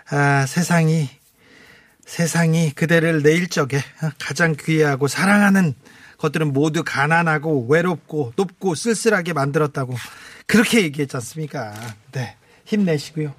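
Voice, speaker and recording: A man's voice: fairly high pitch, dry recording. A middle-aged man hosting a late-night radio show, chatting playfully and reading out listener messages. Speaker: radio host. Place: radio studio.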